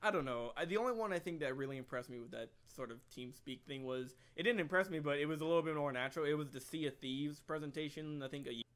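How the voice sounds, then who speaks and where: Male podcast host, slightly high voice, jokey and relaxed. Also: fast talker, hardly any pauses, clean tone. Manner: laughs often, jokey. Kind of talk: casual chat.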